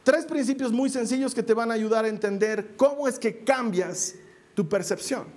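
Give me a high-pitched man preaching a sermon, speaking straight to his congregation. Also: normal speed, darkish tone. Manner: teaching, addresses the congregation directly, acts out quotes.

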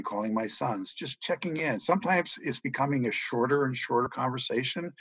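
A middle-aged man answering interview questions about money in a measured, reassuring way. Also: mid-range voice, fairly bright tone, breathy edge, no room sound, rough recording. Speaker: guest economics journalist.

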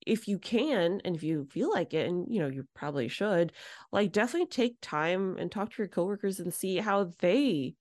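A woman co-hosting a podcast in casual chat, telling stories and acting out both sides of conversations with big jumps in pitch. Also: normal speed, no room sound. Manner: animated storyteller, acts out dialogue with big pitch jumps. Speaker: podcast co-host.

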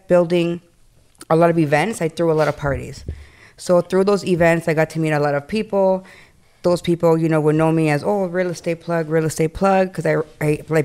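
A woman's voice: low-pitched, a little mellow, smooth. A young woman from Canada, a realtor and studio owner, chatting casually in an interview with plenty of "like" and "um" fillers.

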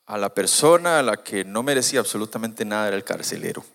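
A man preaching a sermon, animated, moving from quiet asides to loud emphatic points. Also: fairly low pitch, fast talker, creaky.

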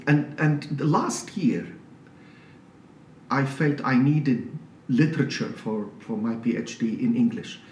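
A man from Syria with a Syrian accent, a priest talking as an interview guest in a measured, explanatory way with frequent restarts. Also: mid-range voice, darkish tone. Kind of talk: conversational interview. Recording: roomy, slightly distant mic with faint noise.

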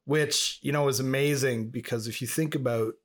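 A man's voice: mid-range voice, steady tone, normal speed. A man from Montreal, Canada, co-hosting a casual podcast chat and rambling through stories. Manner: chatty, rambling storyteller. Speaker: podcast co-host.

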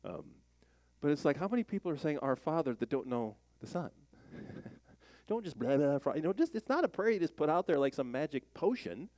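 A man pastor giving a conversational sermon, plain-spoken and animated, asking the congregation questions as he reads scripture. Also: fairly high pitch, a little fast, dry recording.

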